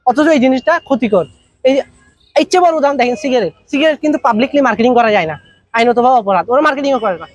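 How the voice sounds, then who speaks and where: A man's voice: extremely high pitch, animated, very fast. A man giving a business masterclass in a colloquial way, telling stories with acted-out dialogue. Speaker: business trainer. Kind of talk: masterclass talk.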